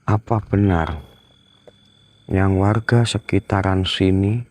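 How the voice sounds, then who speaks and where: Low-voiced man whispering on a night ghost hunt. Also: slow. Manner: hushed, tense, often murmurs prayers and whispers. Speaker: ghost-hunting vlogger. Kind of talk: night ghost-hunt vlog, speaking to viewers.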